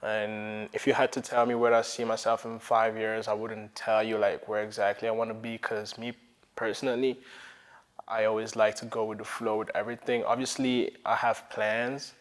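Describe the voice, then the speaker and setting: A young man from Nigeria who grew up in Italy, talking casually as an interview guest, relaxed and rambling with lots of fillers. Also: on the low side, normal speed. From Nigeria, raised in Italy. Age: young adult. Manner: relaxed, rambling, many fillers and "you know". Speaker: interview guest, sneaker developer.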